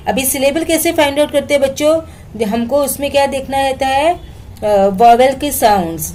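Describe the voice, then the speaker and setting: A woman with an Indian accent gives a grammar lesson to children, speaking slowly and deliberately. Her voice sits fairly high but has a soft, mellow tone. She keeps asking her pupils questions and answering them herself, spelling words out letter by letter. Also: slight background noise, rough recording. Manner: explains in Hindi mixed with English, asks and answers her own questions. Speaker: English teacher.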